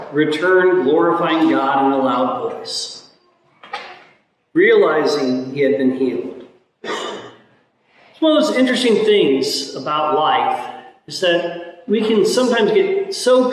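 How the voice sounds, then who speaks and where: High-voiced male priest in cathedral echo. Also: slight background noise. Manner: deliberate, repeats key phrases for emphasis. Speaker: priest preaching. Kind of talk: Gospel reading and homily. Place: large reverberant church. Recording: cathedral-like echo, long reverb, distant mic.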